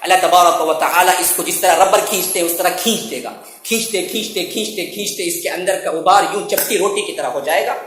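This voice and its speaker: A man preaching a sermon, chanting Arabic verses loudly and then explaining them in a conversational way. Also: high-pitched, a little fast, hardly any pauses, a little hiss or hum. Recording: echoey hall.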